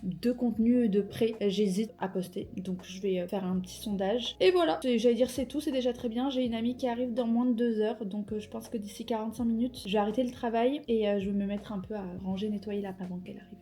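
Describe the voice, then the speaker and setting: A woman's voice: fairly high pitch, steady tone, fast, mellow. A young woman chatting casually to camera at home, self-deprecating and full of fillers as she vlogs her day. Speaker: vlogger. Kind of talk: casual vlog narration. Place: home apartment, indoors.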